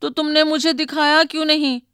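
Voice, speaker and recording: Brief: woman playing a high-pitched, tearful little girl, a storybook tattletale. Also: fairly even intonation, brisk, fairly bright tone, dry recording, clean studio sound. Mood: tearful defiance.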